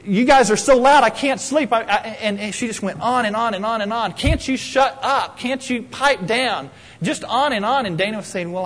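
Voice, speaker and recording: A male pastor preaches with animated, emphatic storytelling. His voice sits high for a man. A long reverb carries through a large church hall. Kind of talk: sermon.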